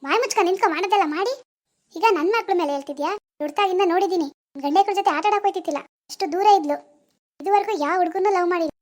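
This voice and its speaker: A woman acts out a fierce village mother from in a homemade village drama. Her voice is high and shrill and she scolds at a rapid clip. She is proud and will not back down. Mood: furious. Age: middle-aged. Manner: fast, loud and scolding. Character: strict proud village mother, quick-tempered.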